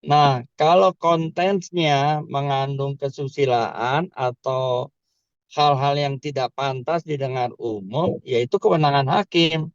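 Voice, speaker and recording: A man's voice: mid-range voice, takes it slowly, clean tone, no room sound, muffled recording. A man, a criminal law expert, answering interview questions in an emphatic, explanatory way. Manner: emphatic, explanatory, repeats "kan" and "tuh".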